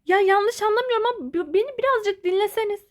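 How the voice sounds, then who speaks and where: A woman's voice: very high voice, fast, background noise, voice pushed up. A woman voicing a teenage girl shut in an asylum, protesting and pleading in an exasperated way.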